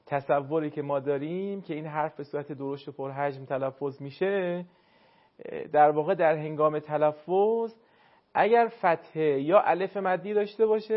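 A man teaching Quran recitation to a caller, courteous and explanatory, sounding words out slowly to demonstrate. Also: on the high side, dull audio. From northern Iran. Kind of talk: call-in recitation lesson.

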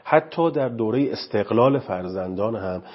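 A man from Iran, a parenting expert guest on a TV talk show, explains parenting styles in a lecturing tone. His pitch swings about with lively emphasis. The voice is somewhat husky, and the audio has the dull, muffled sound of a lo-fi broadcast. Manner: lecturing, with many rhetorical questions.

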